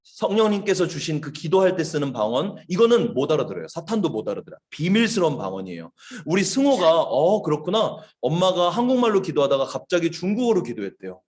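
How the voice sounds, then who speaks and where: A man, a missionary, giving a lively children's sermon, telling stories and asking the kids questions. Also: on the high side, fast talker. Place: church service, online.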